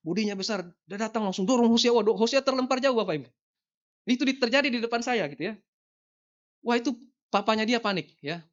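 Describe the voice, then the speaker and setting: A man's voice: high voice, fairly bright tone, muffled recording. A man preaching a sermon in church, telling a story about his young child and often addressing the congregation directly. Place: church sanctuary.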